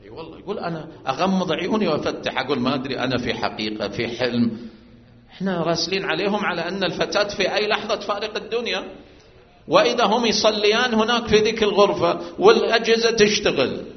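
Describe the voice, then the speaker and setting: A man preaching a sermon, moving from quiet storytelling to loud, drawn-out chanted emphasis. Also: high-pitched. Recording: muffled, echoey hall recording.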